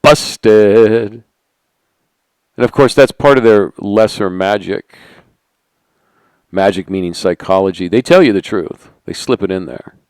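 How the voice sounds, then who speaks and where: A middle-aged man holding a conspiratorial monologue, asking rhetorical questions and sinking into quiet asides. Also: fairly low pitch, unhurried, long pauses, clean tone, no echo. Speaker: channel host. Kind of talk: monologue to camera.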